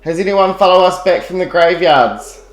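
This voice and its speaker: A man hosting a spooky night vlog, questioning spirits, with nervous, hushed asides between louder questions. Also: high-pitched, animated, moderate pace. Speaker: vlog host leading a Ouija board session. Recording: echoey room with background noise.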